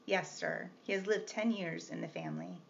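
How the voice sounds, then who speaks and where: A woman with a lowish, fry-tinged voice reads at a normal pace as a composed young governess, polite yet firm and restrained. The recording sounds slightly muffled, with a faint hiss.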